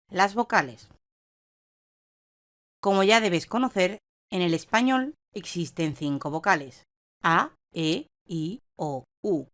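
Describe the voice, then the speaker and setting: Animated Spanish woman teaching a lesson. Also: lowish voice. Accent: Spanish (Spain). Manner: clear, measured teaching delivery. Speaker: online course narrator. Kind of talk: scripted narration.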